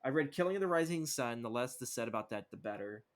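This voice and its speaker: A man's voice: mid-range voice, expressive, fast talker. Rambling, cursing young man chatting. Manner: rambling, profane, lots of fillers. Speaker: podcast co-host. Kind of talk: casual chat.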